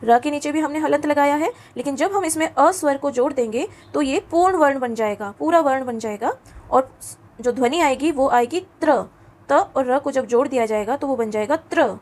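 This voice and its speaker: A woman teacher giving a lesson to schoolchildren, patient and coaxing, often asking them questions, dropping English words into her talk and slowing down to pronounce letters and words clearly. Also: high voice, a little mellow. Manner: mixes English words into Hindi. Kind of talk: classroom lesson for children.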